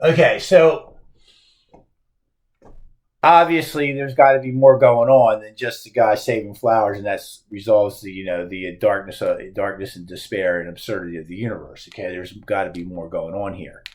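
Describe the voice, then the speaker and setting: A man's voice: lowish voice, fairly even intonation, moderate pace, a little mellow. A male teacher lecturing on a poem, posing emphatic rhetorical questions.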